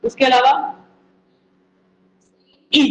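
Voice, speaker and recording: A male teacher giving an exam-prep lecture, repeating key points and firing quick questions at the listeners. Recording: echoey room, faint background noise.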